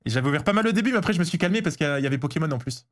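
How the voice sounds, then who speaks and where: Male streamer, casual and excitable, very lively pitch, chats with viewers while opening packs. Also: racing. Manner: chatty, excitable, reads and answers chat. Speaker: streamer opening trading cards. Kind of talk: casual live-stream chat.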